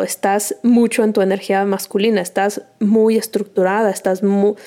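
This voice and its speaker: A woman's voice: mid-range voice, warm tone. A young woman casually telling viewers a personal story, chatty, laughing often and slipping in English words. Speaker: vlogger.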